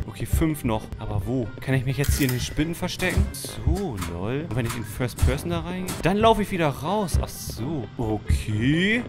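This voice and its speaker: A man doing let's-play commentary of a horror game, talking straight to his viewers, jumpy and quick to yelp and shout when startled. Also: on the high side. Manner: keeps addressing viewers as friends. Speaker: gaming YouTuber.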